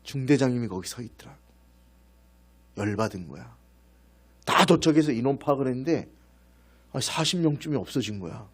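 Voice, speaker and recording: A male pastor preaching in church, telling a personal story in an animated way and turning now and then to speak directly to members of the congregation. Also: mid-range voice, normal speed, long pauses, husky.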